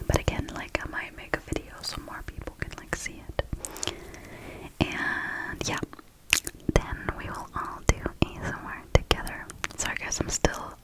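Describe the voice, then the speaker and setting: Female ASMR host, close-miked whisper, drowsy and unhurried, casual chatting with tingly word repetition. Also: low-quality recording. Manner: repeats words for tingles; slow, sleepy delivery. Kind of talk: whispered ASMR chit-chat. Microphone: close mic, right by the mouth.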